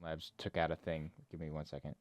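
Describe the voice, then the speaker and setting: A man talking casually and haltingly as a player and tech operator on a game stream. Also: rumbling low, monotone.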